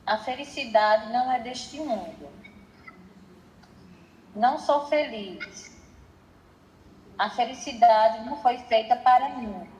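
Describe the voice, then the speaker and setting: A woman's voice: on the high side, takes it slowly, pauses often, darkish tone. A woman reading a text aloud on a video call, her voice echoed back through another participant's open microphone. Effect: voice echoed back through another participant's open mic. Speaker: study group member reading aloud.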